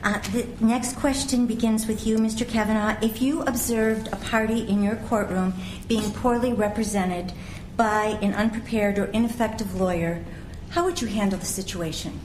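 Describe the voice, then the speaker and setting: A woman's voice: mid-range voice, steady tone, normal speed, a little mellow. An American woman moderating a forum, formally introducing speakers and reading out questions. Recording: echoey room, background noise.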